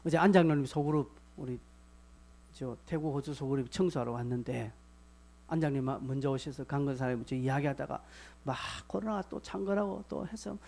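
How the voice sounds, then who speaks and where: A male pastor preaches a sermon in a brisk, mid-range voice with vocal fry, repeating short commands for emphasis. He swings between loud exhortation and quiet, chatty asides.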